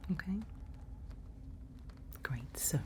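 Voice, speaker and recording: Calm and hushed, a woman acts as a forest night-watch guide in an ASMR roleplay, whispering gentle, unhurried instructions right up against the microphone.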